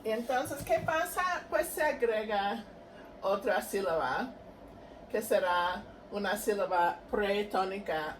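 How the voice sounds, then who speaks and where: A woman lecturing on historical linguistics, patiently explaining each step and checking in with her listeners. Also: medium pitch. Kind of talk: academic lecture. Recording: distant mic with faint noise.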